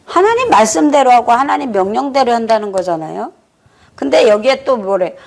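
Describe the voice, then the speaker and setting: A woman's voice: on the high side, big pitch swings, a little fast, gravelly. A middle-aged woman pastor preaching a sermon, telling a story and acting out the people's words in it. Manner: storytelling preacher who acts out quoted dialogue. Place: prayer retreat hall.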